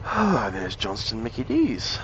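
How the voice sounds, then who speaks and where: A man's voice: on the low side, wildly swooping pitch, measured pace. A man chatting casually to himself as he rides, rambling and muttering, his voice muffled inside a motorcycle helmet. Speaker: motovlogger. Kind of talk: casual vlog chat while riding a motorbike. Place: inside a motorcycle helmet, riding outdoors on roads. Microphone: helmet-mounted mic close to the mouth. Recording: muffled helmet mic, faint vehicle noise.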